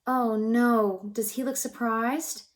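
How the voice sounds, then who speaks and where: A female childcare teacher with a slightly high voice reads a picture book to young children at a slow pace. Expressive and gently encouraging, she poses questions to the kids and regularly softens to a near-whisper.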